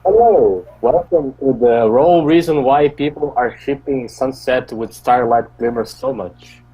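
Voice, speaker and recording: A man's voice: mid-range voice, measured pace, mellow, breathy edge. A man joking crudely in a casual podcast chat, his voice muffled as if heard through a door. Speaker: podcast co-host.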